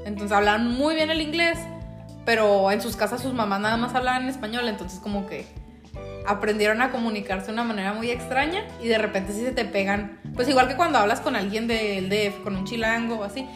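A woman's voice: on the high side, brisk. A young Mexican woman with a Mexican accent, telling stories in a casual podcast chat, full of filler words. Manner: chatty, storytelling with filler words. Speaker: podcast co-host. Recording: roomy echo with music behind.

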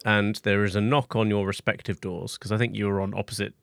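A man's voice: lowish voice, level tone, brisk, gravelly, dry recording. Guy dm-ing a tabletop game, chill narrator voice, dry close podcast mic. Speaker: game master.

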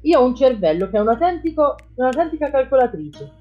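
A woman's voice: high-pitched, very animated, quick pace, muffled recording, faint music behind, pitched above the performer's own voice. A woman reading an audiobook, voicing a boastful, bullying father who deals in cars. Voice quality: loud, bullying, self-satisfied. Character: blustering boastful father, a crooked car dealer.

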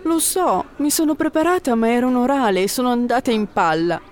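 A woman's voice: fairly high pitch, expressive, fairly quick, lightly acted. A woman voicing a young female university student who is let down after failing an exam, in a scripted lesson dialogue. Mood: disappointed.

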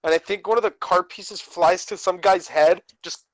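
Young dude w a high voice, frat bro slang, casual podcast storytelling, super dry recording. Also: male voice, steady tone, moderate pace, no echo. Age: young adult. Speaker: podcast co-host. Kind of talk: casual chat, telling a personal story.

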